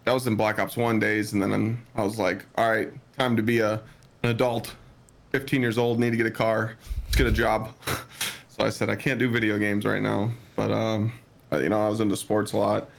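A man's voice: fairly low pitch, little pitch movement, a little fast, gravelly. A man from Cleveland, Ohio, a streamer guest on a podcast, telling stories in a laid-back way with loose slang and chuckles. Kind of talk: casual storytelling.

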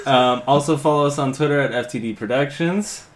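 A man's voice: medium pitch, a little fast. A man hosting a casual podcast, talking loosely and laughing often. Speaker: podcast host. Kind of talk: casual chat.

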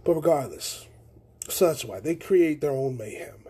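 A man's voice: on the high side, animated, moderate pace, warm tone, husky. A young man hosting a solo podcast, telling long rambling stories in casual, profane slang. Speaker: podcast host.

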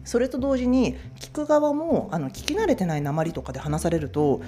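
A woman's voice: lowish voice, very animated, moderate pace, mellow. A woman from Japan, hosting in a chatty, casual storytelling style, with many fillers. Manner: chatty, lots of fillers, acts out quotes. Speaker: host.

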